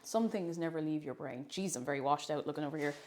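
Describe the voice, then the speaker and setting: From her home kitchen, a woman hosts a casual livestream, playfully chatting with viewers, repeating phrases and drifting into sing-song nonsense syllables. She talks fast in a low, darkish voice, with slight background noise.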